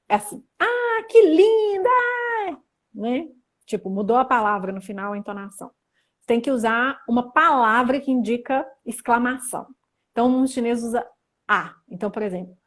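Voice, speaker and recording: Young Brazilian woman, chatty livestream teacher, medium pitch, talking to viewers through a phone mic. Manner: chatty, reads viewer comments aloud, animated. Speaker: livestream host teaching Mandarin. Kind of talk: casual livestream lesson.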